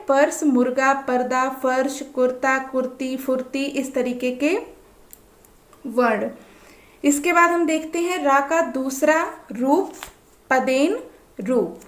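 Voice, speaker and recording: A woman's voice: high voice, reverberant. A woman teaching a grammar lesson, explaining patiently and asking the learner questions as she goes.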